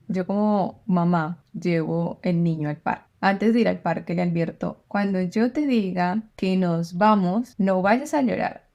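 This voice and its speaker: A woman's voice: lowish voice, mellow. A woman co-hosting a parenting podcast, patiently explaining with step-by-step examples. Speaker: podcast co-host, parenting educator. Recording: slightly dull, lo-fi sound.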